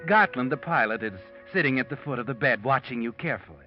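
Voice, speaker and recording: A man's voice: mid-range voice, expressive, fast talker, lightly acted. A man voicing a mysterious narrator who speaks ominously to the guilty in a 1940s radio drama. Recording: dull old radio broadcast with music.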